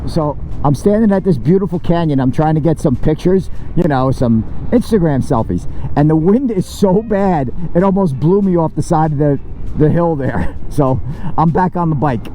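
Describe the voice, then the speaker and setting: A man's voice: fairly high pitch, expressive, normal speed, warm tone, slight background noise, rough recording. A man talking informally to viewers in a casual motorcycle travel vlog, recorded outdoors on an action camera microphone. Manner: informal, chatty, addressing viewers. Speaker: motorcycle vlogger.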